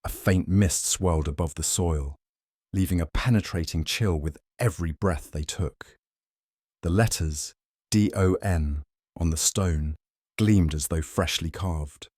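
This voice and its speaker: A deep-voiced man narrates a suspense story in a measured, ominous way. His tone is husky, and he takes an unhurried pace. The sound is close and dry. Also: darkish tone, dry recording.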